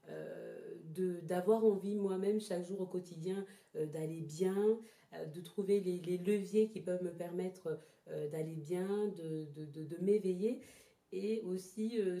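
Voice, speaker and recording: Recorded indoors at home with a roomy echo, this interview guest speaks in a warm, low-leaning voice. A Togo-born woman who lived in Ghana before moving to France as a child, she practices traditional therapy and answers reflectively, hesitating and circling back over words to find her phrasing.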